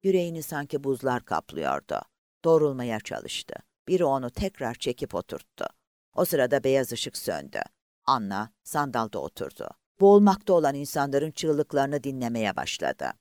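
A man's voice: wildly swooping pitch, normal speed. A man narrating a novel in a dramatic audiobook reading. His voice rises and falls widely across every sentence, leaning into the tension of the scene. The sound is dry and close-miked, with no room echo. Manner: dramatic, highly varied reading.

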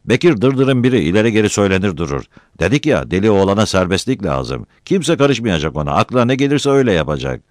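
A man's voice: on the low side, sing-song, fast talker, no room sound, studio quality, voice pushed up. A man voicing a blunt, mocking village elder with a drooping mustache.

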